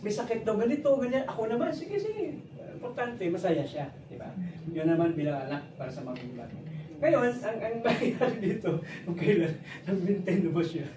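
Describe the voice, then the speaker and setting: High-voiced Filipino man presenting in an echoey room. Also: expressive, normal speed. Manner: chatty storytelling, jokes and laughs often. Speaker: network marketing presenter. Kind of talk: business opportunity presentation. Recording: echoey room, distant mic, background noise.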